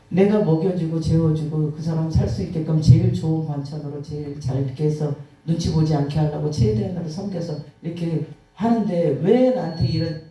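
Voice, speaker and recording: A woman preacher giving an emotional testimony sermon, telling stories vividly with sighs and acted-out quotes. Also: deep voice. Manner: animated storytelling, acting out quotes, sighing. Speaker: guest preacher. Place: church sanctuary. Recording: echoey hall from far off.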